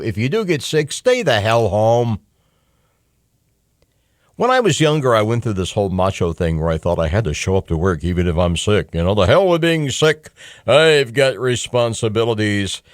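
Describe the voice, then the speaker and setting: A man hosts a call-in talk radio monologue from a radio studio, blunt, mildly profane and conversational. He's lively and hectoring, full of fillers and restarts. His voice is mid-range, recorded dry on a studio microphone with clean studio sound.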